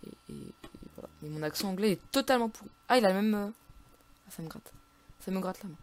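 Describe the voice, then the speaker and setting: A woman's voice: medium pitch, lively intonation, quick pace, darkish tone. A woman with a French accent casually commentating her own video game play, full of frustrated outbursts and stumbling restarts.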